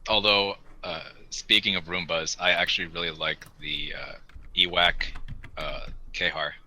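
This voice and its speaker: A man co-hosts a hobby podcast about model kits, chatting casually and with real enthusiasm. His voice sits low and steady, a little slow, with a sharp edge and a faint hiss or hum in the recording.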